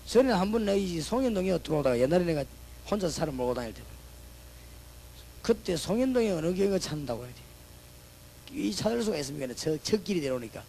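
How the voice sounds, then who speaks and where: High, gravelly Busan-accented preacher. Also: male voice, very animated, quick pace, long pauses, a little hiss or hum, low-quality recording. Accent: Gyeongsang (Busan) Korean. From Busan, South Korea. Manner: swings between loud proclamations and chatty, joking anecdotes. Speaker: pastor, guest preacher. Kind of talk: sermon.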